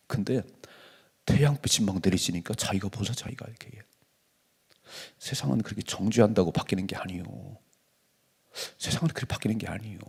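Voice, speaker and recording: A man's voice: on the low side, vocal fry, darkish tone, husky. A male pastor preaching a dawn sermon in a colloquial, emphatic way, sometimes dropping to a whisper. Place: church sanctuary.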